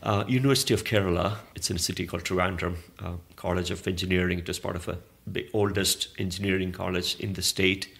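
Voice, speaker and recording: Speaking fast with hardly any pauses, a man answers interview questions in a low, slightly bright voice with vocal fry and a steady tone. He is a Malayalam speaker and arts organizer from southern India. His reflective replies meander and keep restarting.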